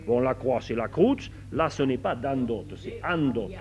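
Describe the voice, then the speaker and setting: A man's voice: medium pitch, animated, normal speed, a little mellow. A man, carefully explaining how local place names are pronounced to a group, often restarting his sentences. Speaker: local place-name researcher. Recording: muffled lo-fi room recording with group.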